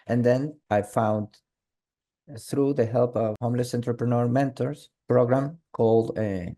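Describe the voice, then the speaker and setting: A man with a Venezuelan Spanish accent, a guest telling his story in an online interview, halting and restarting often. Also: medium pitch, warm tone. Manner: halting, with many restarts and fillers. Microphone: video call.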